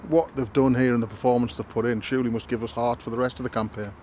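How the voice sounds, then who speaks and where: A man's voice: medium pitch, steady tone, quick pace, darkish tone, slight background noise. A man interviewing a player after a match outdoors, asking leading questions that back the club.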